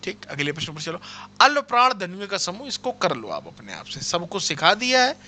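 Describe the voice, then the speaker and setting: Lively high-voiced male teacher. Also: fairly quick, slight background noise. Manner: explains step by step, checks in with "ठीक है". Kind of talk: online exam-prep lesson.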